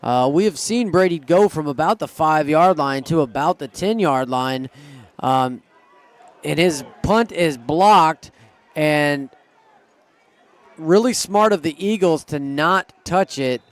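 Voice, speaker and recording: Give me an eager male play-by-play commentator with a fairly high voice. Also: lively intonation, takes it slowly. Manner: eager, pleads with referees, groans at setbacks. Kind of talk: live sports commentary.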